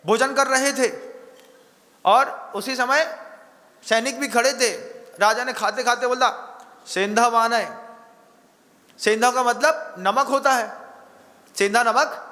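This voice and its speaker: A man's voice: very high voice, pushed and bright, long reverb tail. A man, a Jain monk, giving a sermon to his listeners, telling stories, acting out dialogue and asking them questions. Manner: acts out quoted dialogue, asks the audience questions. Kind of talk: sermon with storytelling.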